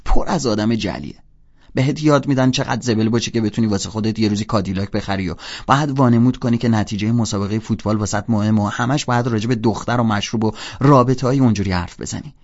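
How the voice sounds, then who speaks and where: A man's voice: fairly low pitch, highs cut off. A man voicing a restless, bitter teenage boy in an audiobook, talking in heated rants. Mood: agitated.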